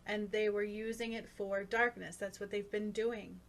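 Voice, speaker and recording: A woman's voice: mid-range voice, flat delivery, moderate pace, vocal fry. A woman giving casual spoken commentary on a spiritual session, repeating and explaining what was said. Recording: faint constant background noise.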